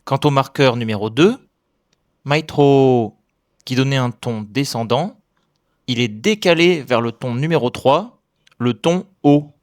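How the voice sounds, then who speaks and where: A man teaching a language in a scripted explainer lesson, with a clear, steady and upbeat delivery. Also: mid-range voice, moderate pace, no room sound, clean studio sound.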